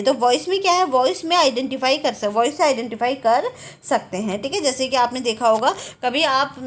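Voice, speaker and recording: A woman teaching an exam-prep lecture in a lively way, asking her own questions and answering them. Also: high voice.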